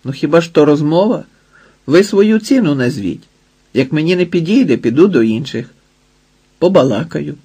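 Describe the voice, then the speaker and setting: A man's voice: fairly high pitch, animated, moderate pace, dark tone, slightly rough, voice pushed up. A man voicing a bold, cocky young giant of a man who bargains coolly and brashly, in an audiobook. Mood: pushing. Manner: brash, cool-headed bargaining.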